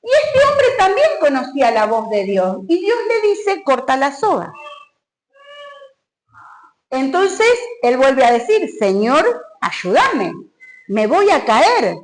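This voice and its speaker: A woman's voice: sits high, big pitch swings, slow pace, poor audio. A woman pastor with a Rioplatense Spanish accent, preaching a sermon and acting out a story with dramatic rises. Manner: preaching with rising exclamations and dramatic retelling.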